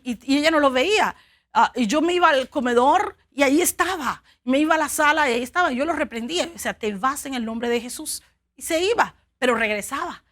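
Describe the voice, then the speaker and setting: A woman from Cuba preaching a sermon and telling a personal testimony, earnest and halting, with frequent restarts. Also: a little high, a bit bright.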